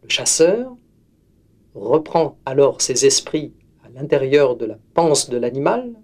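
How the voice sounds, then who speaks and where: A man reading a fairy tale aloud as narrator, slow and expressive. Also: fairly high pitch. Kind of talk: storybook reading.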